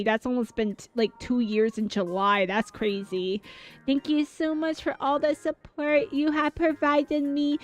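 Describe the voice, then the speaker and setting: A woman streamer chatting casually on a gaming livestream, rambling and filler-heavy as she reacts to her viewers. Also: high voice.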